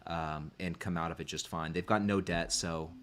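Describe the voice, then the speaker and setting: Meet an easygoing man hosting a laid-back podcast chat. His voice sits on the low side, and he thinks aloud as he shares his views. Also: steady tone, moderate pace, a bit bright. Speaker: podcast host.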